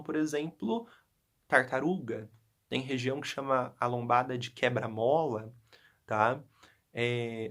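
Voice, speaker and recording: A male teacher from the interior of São Paulo, with its curled R accent, explaining casually to students and checking in often with "tá?". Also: medium pitch. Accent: São Paulo interior Brazilian Portuguese, retroflex R. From interior of São Paulo state, Brazil.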